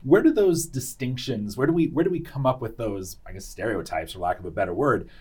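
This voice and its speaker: A man's voice: medium pitch, animated, a little fast, a little mellow, slightly rough. A man from central Illinois hosting an interview, asking casual, rambling questions with restarts. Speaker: interviewer, host.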